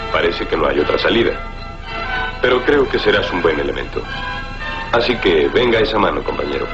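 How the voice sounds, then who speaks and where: A man's voice: low-pitched, animated, brisk. A man voicing an upright, confident superhero soldier in a dubbed cartoon, speaking in a firm, declamatory way. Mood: stern, resigned. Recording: dull lo-fi soundtrack under loud music.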